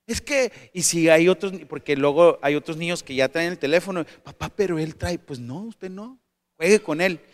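A man giving a motivational talk to parents, animated and asking the audience questions, with asides and jokes. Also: fairly high pitch, moderate pace. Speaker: speaker addressing parents.

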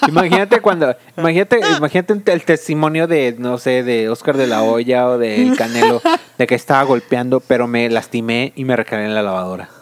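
A man's voice: medium pitch, fairly quick, slight background noise. A young Mexican man with a Mexican Spanish accent, teasing and mock-interrogating a friend in casual, profane chat. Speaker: podcast co-host.

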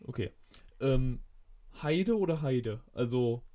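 A man's voice: mid-range voice, expressive, takes it slowly, mellow, muffled recording, slight background noise. A man casually running a teasing word quiz and chatting in a dry way. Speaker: quiz host. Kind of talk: casual chat. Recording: call audio, hard to hear.

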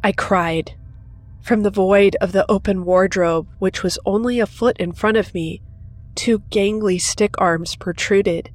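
A woman hosting a horror story channel, narrating in a steady, measured storytelling voice. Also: medium pitch, no echo.

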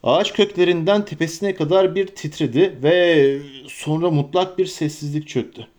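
A man narrating a fantasy story aloud in a steady storytelling manner. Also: fairly high pitch, normal speed. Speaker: audiobook narrator. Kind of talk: scripted narration.

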